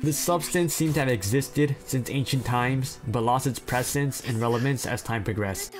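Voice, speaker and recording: A man reads through anime plot summaries at a middle pitch, with faint music under him. He keeps cutting in with blunt, profane, self-deprecating remarks between the synopses. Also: moderate pace. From China. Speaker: anime list narrator. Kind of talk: reading anime synopses with casual asides.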